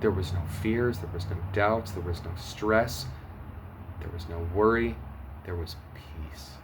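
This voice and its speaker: A man sharing a personal testimony, earnest and emotional, going from urgent bursts to hushed quiet. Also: on the low side, a little slow, background noise. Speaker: testimony vlogger.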